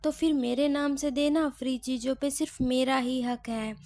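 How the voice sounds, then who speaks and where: A woman's voice: high voice, steady tone, moderate pace, a little mellow, no echo. A woman voicing a stingy, stubborn elderly mother-in-law in a read-aloud story, with a scolding, penny-pinching manner. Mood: grabby. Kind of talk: storybook reading.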